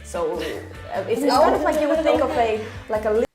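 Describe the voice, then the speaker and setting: A woman's voice: a little high, sing-song, moderate pace. A woman from Finland, answering casually and searching for words. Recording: echoey room with music underneath.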